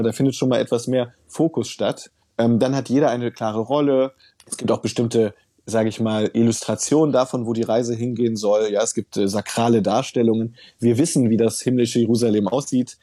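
Dark, husky man explaining. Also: medium pitch, no echo, studio quality. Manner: thoughtful, explanatory, uses fillers. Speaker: work researcher, author. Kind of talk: interview answers.

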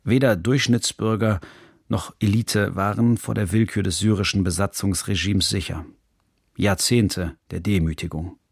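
A man reading a scripted radio documentary narration in a measured, serious manner, recorded in a studio. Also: lowish voice, fairly even intonation, vocal fry, slightly rough, dry recording.

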